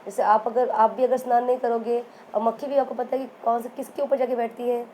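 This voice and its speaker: A woman's voice: fairly high pitch, little pitch movement, a little fast, darkish tone, a little hiss or hum, rough recording. A woman teacher telling a story to young children, repeating lines and asking them questions as she goes. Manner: repeats and quizzes the listeners.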